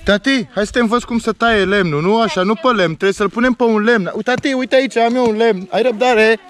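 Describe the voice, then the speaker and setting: Playful teasing Romanian dad. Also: male voice, sits high, fairly even intonation, a bit bright. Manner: playful, teasing, fatherly instructing. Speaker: father and family vlogger. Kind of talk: casual family vlog. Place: outdoors in the mountains.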